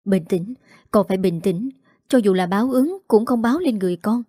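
A woman's voice: medium pitch, fairly quick, dark tone, dry recording, studio quality, natural voice. A woman reading the lines of a ruthless older mother in a drama recap, speaking cold and firm. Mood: soothing.

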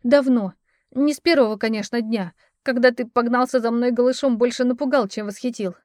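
A frightened young sorceress, voiced by a woman narrator in a storybook reading. She speaks anxiously and pleadingly, slightly above the narrator's own pitch, in a mellow tone. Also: steady tone, a little fast, no room sound, clean studio sound, lightly acted. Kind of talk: audiobook character voicing.

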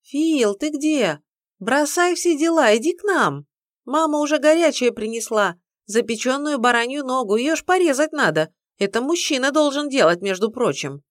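A woman reading an audiobook, voicing a lively, bossy young woman calling her partner to the table. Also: sits high, moderate pace, no echo, studio quality, pitched above the performer's own voice. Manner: lively, commanding.

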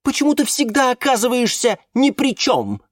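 A man reading a novel aloud, voicing a bitter, sharp-tongued young woman with a raised, biting voice. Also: medium pitch, sing-song, moderate pace, no room sound, clean studio sound, voice pushed up. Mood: accusing. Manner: scornful, biting.

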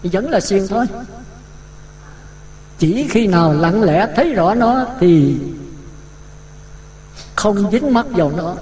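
Man, Buddhist dharma talk, high voice, echoey room, rhetorical questions. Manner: vivid, rhetorical questions, lively storytelling. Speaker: Buddhist monk teaching. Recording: echoey hall.

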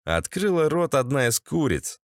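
A man's voice: fairly high pitch, very animated, normal speed, no room sound, studio quality. A man narrating a gritty first-person audiobook in a tense, sardonic manner.

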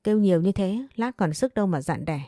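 A woman's voice: mid-range voice, lively intonation, fairly quick, warm tone, dry recording, studio quality, natural voice. A woman voicing a blunt, irritable servant girl. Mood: irritated, urgent. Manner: scolding, curt.

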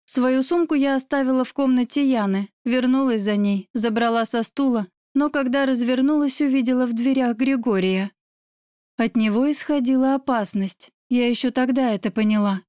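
Smooth-voiced woman narrating an audiobook. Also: on the high side, normal speed, warm tone, no echo, studio quality. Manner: emotive, dramatic reading. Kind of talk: first-person audiobook narration.

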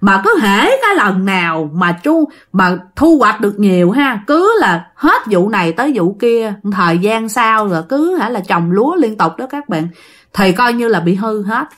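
A woman's voice: medium pitch, big pitch swings, moderate pace, fairly bright tone. A woman with a Southern Vietnamese accent telling a ghost story casually, chatting directly to her listeners.

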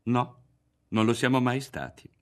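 A man's voice: mid-range voice, lively intonation, unhurried, voice pushed up, close to an everyday voice. A man reading a novel aloud, voicing a cool, dismissive young woman who answers sharply. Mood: stern. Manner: teasing, then stern and cutting.

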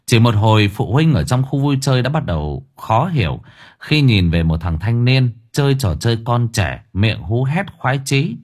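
A man narrating an audiobook story in a lively, animated way. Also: medium pitch, moderate pace.

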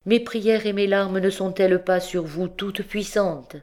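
A woman's voice: mid-range voice, fairly even intonation, unhurried, darkish tone, lightly acted. Woman reading as an anguished young son. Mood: pleading. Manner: pleading, intense. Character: anguished young man pleading with his mother. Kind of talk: audiobook dialogue reading.

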